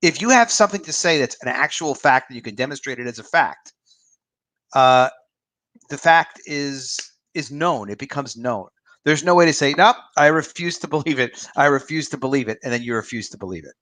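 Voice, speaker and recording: A man's voice: medium pitch, animated, fairly quick, fairly bright tone, no echo. A man in his fifties, an author and publisher, giving his opinions in a rambling, casual livestream chat with a dry close sound. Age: 50s.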